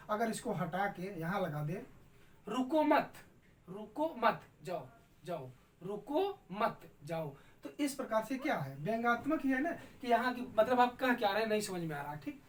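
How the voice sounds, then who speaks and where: A woman's voice: mid-range voice, lively intonation, a little fast, a little hiss or hum. A woman teacher giving a patient, explanatory grammar lesson and often checking in with her students. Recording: distant mic with faint room ambience.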